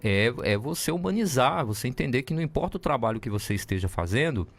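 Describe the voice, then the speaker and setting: A man's voice: mid-range voice, animated, fast, gravelly. A man with a Bahian Brazilian accent interviewing a guest, circling and restarting as he builds long questions. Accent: Bahian Brazilian Portuguese. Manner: rambling, restarts often while framing questions.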